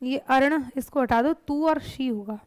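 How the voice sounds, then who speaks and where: High-voiced woman teaching grammar, asking and answering. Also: unhurried, a little mellow, dry recording. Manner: explains step by step, asks questions and answers them herself. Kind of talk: exam-prep lesson.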